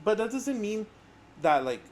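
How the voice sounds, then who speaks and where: A man's voice: high voice, big pitch swings, a little slow, darkish tone, slight background noise. A man in his twenties with a Spanish accent, co-hosting a casual podcast chat and often searching for words mid-sentence. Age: 20s. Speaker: podcast co-host.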